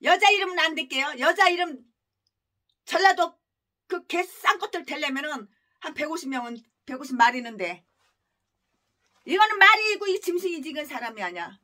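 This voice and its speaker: A woman pastor preaching with a very high, piercing voice. She scolds her listeners relentlessly and throws out crude insults and rhetorical questions. Her tone stays bright and forceful throughout. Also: lively intonation, moderate pace, pauses often. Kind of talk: expository sermon.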